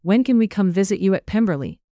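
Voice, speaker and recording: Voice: medium pitch, animated, fast talker, dark tone, no echo, clean studio sound, voice pushed up, lightly acted. A narrator voicing a forward, eager young woman in a romance audiobook. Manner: bubbly, forward.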